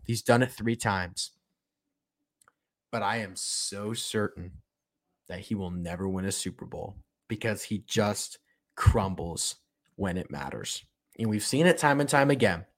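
A man hosting a solo sports podcast, ranting about football in an impassioned, repetitive way. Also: medium pitch. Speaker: podcast host.

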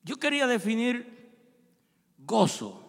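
High-voiced preacher, joking, in a reverberant hall. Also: male voice, huge pitch swings, creaky, a bit bright. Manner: playful, joking preacher who pauses for the interpreter. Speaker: pastor. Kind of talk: bilingual sermon with live interpreting. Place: large church hall. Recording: long hall reverb in a church.

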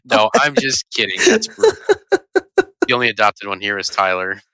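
A man co-hosting a casual podcast, teasing his friends, laughing often and swinging from low mutters to loud outbursts. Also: wildly swooping pitch, normal speed, no echo, rough recording. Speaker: podcast co-host. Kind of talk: casual chat.

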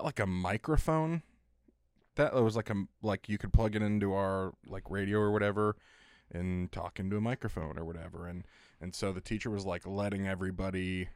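A man's voice: fairly low pitch, clean tone, no room sound, clean studio sound. A man co-hosting a casual podcast, telling loose, profane stories and laughing often. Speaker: podcast co-host.

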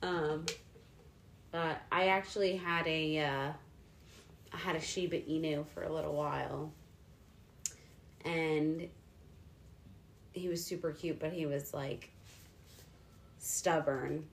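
Low-voiced woman, dry teasing podcast co-host. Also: fairly even intonation, slow pace, vocal fry, pauses often, a little hiss or hum. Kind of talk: casual chat.

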